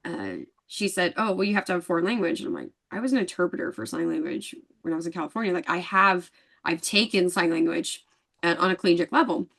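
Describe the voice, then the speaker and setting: A woman speaking quickly in a casual interview. She tells her story with energy and voices the people in it as she goes. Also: on the low side, creaky. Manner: animated storyteller acting out dialogue. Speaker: guest.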